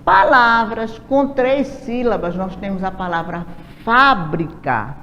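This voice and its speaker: Brazilian woman teacher, slow and patient, dull lo-fi track in a reverberant room. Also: mid-range voice, lively intonation, a bit bright, slight background noise. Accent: Brazilian Portuguese. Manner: slow, patient, asks rhetorical questions. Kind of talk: recorded classroom lesson.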